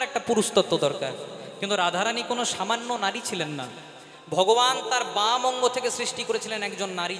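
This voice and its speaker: A man's voice: high voice, sharp tone. A man giving a devotional kirtan sermon, telling a story with rhetorical questions and chanted verses. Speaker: kirtan singer and preacher. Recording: reverberant hall with backing music.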